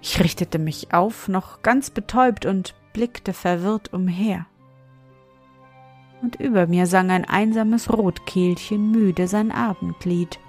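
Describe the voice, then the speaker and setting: A woman reads a fairy tale aloud at a slow, deliberate pace, measured and expressive. Her pitch sits in a middle range, with faint music underneath. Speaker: storyteller.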